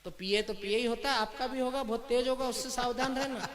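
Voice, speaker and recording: A man's voice: extremely high pitch, steady tone, a little fast. A man from Madhya Pradesh, performing as a comic poet, who teases the audience between verses. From Madhya Pradesh, India. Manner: teasing banter with the audience. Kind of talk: stage comic poetry recital. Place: live stage before an audience. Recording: live stage with loud audience.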